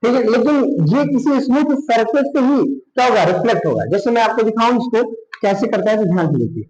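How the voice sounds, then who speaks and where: A man's voice: very high voice, lively intonation, a little fast, a little mellow, highs cut off. A man with a Bihari Hindi accent teaching a science lesson, asking questions and answering them himself. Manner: repeats "thik hai" often. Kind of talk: classroom lesson. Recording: echoey room.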